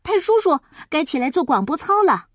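A woman's voice: very high-pitched, very animated, normal speed, a little mellow, no room sound, clean studio sound, voice pushed up. A woman voicing an earnest, hardworking ten-year-old boy who speaks eagerly and politely. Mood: urging.

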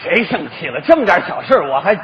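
An aggrieved neighbour who grumbles and mocks himself in a stage comedy sketch. His voice runs very high and swoops about a lot. The recording sounds dull and lo-fi. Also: sing-song, quick pace, noisy background. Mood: grumbling. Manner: grumbling, self-mocking complaints. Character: grumbling man, parrot owner, aggrieved.

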